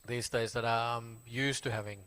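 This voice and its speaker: A man in his forties from Finland with a Finnish accent, a Buddhist monk casually introducing himself in halting English full of fillers and restarts. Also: medium pitch, steady tone, a bit bright, clear, resonant tone. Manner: halting, many fillers and restarts, plain friendly telling. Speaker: Buddhist monk giving a talk. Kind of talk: casual spoken self-introduction.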